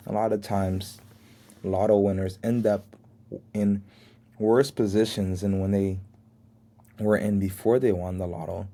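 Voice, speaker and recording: On the low side and warm, this voice belongs to a man in his twenties from the United States who grew up speaking Haitian Creole first. In his solo reflective podcast, he offers life lessons earnestly and with faith, sometimes chuckling at his own expense.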